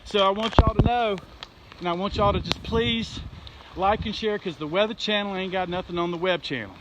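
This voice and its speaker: A high-voiced Southern man speaks at normal speed from up a tree in a rainy windstorm, casually playing amateur weatherman for his live viewers with folksy excitement. The audio is full of storm wind and rain, plus clicks and rumble.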